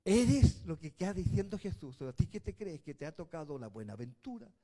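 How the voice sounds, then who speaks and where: A man, a bishop preaching a sermon, who swings from quiet, slow passages to shouted emphasis. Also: on the high side, very animated. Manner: spells out words slowly.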